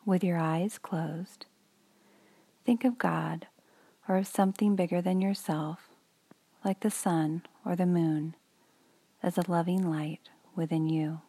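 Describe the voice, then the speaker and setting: A woman leads a children's meditation in a hushed, breathy near-whisper. Her voice is low, dark and gravelly, and she speaks in an even, unhurried way. The sound is dry and close, with no room echo. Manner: soft whispery delivery, slow and soothing. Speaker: meditation guide.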